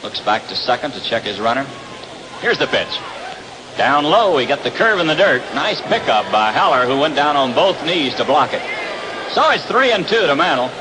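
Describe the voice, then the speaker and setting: Loud ballpark ambience frames this noisy 1960s radio broadcast, where an American-accented man gives live baseball play-by-play outdoors. His fairly high voice swings widely in pitch, at a normal pace.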